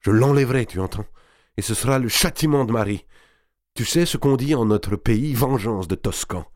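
A man voicing a hot-tempered young man of twenty in an audiobook, his voice lifting sharply as he turns vengeful. The delivery is animated, with a lot of movement in pitch. The recording is dry. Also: a little slow, dry recording. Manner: impetuous, rising to anger.

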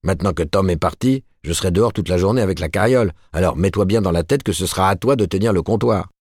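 A man's voice: low voice, fast, darkish tone, husky, no echo, studio quality. A man voicing a cold, vindictive middle-aged shopkeeper husband who hammers every word. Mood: cold, scolding.

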